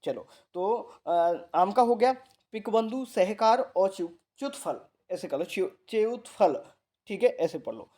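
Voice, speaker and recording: A man's voice: high voice, animated, unhurried, mellow. A young man teaching a vocabulary lesson, casually repeating words and drilling his students. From India. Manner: casual, addresses students as bhai.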